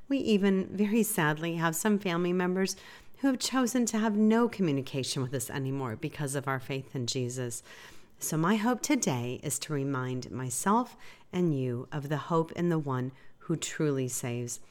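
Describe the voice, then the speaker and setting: Low-voiced woman, stuffy from a cold. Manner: earnest, conversational, self-deprecating. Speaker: podcast host.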